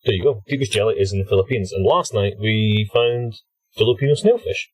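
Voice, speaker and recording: A British man hosting a podcast, chatting and laughing often while he records an audio log from inside a small deep-sea submersible. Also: lively intonation, a little fast, darkish tone. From Britain. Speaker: expedition scientist and podcast host.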